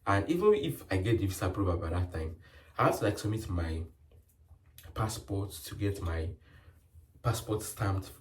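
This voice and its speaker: Low in pitch with lively intonation, this young man speaks at normal speed but pauses often. He's a nurse vlogger with a Nigerian accent, telling a meandering, filler-heavy story in a chatty way, and the distant mic gives the audio a roomy feel.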